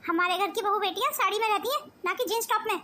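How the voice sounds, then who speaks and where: A woman playing a loud, scolding elder sister-in-law with a domineering temper in a family melodrama. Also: very high voice, fast talker, noisy background.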